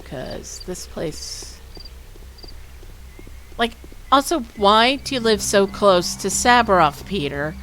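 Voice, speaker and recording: A woman's voice: mid-range voice, lively intonation, slow pace, long pauses, noisy background. Chatty woman streamer from the US. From United States. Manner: chatty, rambling, wry. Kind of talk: casual gameplay commentary.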